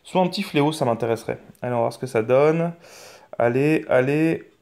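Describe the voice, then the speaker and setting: A man's voice: medium pitch, a little fast, a little mellow. Rambling French-speaking man on a game channel. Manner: rambling, hesitant, many fillers and restarts; mild swearing, frank and offhand. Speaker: mobile game channel host. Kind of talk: casual gameplay commentary.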